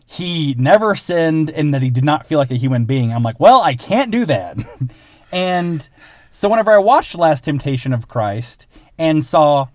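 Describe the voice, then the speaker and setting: A man from Illinois co-hosting a film podcast, talking earnestly with lots of halting fillers and frequent laughs. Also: a little high, expressive, a little mellow, no room sound. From Illinois, USA. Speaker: podcast co-host. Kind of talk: casual film podcast chat.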